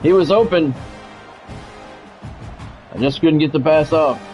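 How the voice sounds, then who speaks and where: A man with a slightly high, darkish voice calls sports play-by-play for a video game stream at a measured pace. He phrases things like a radio announcer but tosses in casual asides. The audio is dull and lo-fi, with music playing behind him.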